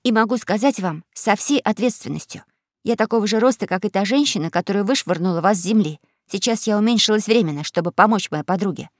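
A woman voicing a bold, self-assured young girl who speaks calmly and firmly, in an audiobook. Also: mid-range voice, fast talker, no room sound, studio quality, natural voice. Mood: defiant.

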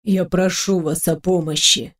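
A young swordsman, wounded but courteous, speaks in formal, polite address, a touch lower and more distant in tone than the storyteller's own voice, as a woman narrator puts him on. He sounds like a character from an audiobook fantasy tale. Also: fairly even intonation, measured pace, lightly acted. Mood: weak, pleading.

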